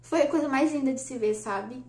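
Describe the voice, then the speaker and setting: A woman, telling a personal story on her vlog in a chatty, lively way and laughing often. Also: sits high, a little fast. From Brazil. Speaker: vlogger. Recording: echoey room.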